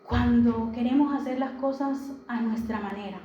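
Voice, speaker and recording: A woman's voice: on the high side, moderate pace, slight background noise. A woman preaching a Sunday sermon, emphatic and repeating key phrases, often putting rhetorical questions to the congregation. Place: church service hall. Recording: echoey, slightly dull church recording.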